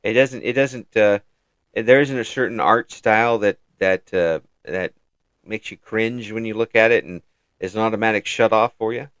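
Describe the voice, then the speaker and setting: A man's voice: on the low side, moderate pace, fairly bright tone, clear, resonant tone, no echo. A man hosting a casual interview, chuckling often and repeating words as he frames his questions. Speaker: interview host.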